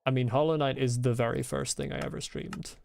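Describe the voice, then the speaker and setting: A brisk, gravelly man's voice at medium pitch, a little mellow and fairly even in intonation, with a bit of hiss or hum in the recording. He has a mild Scottish accent and is casually chatting during a game stream, responding to chat with rambling asides and chuckles.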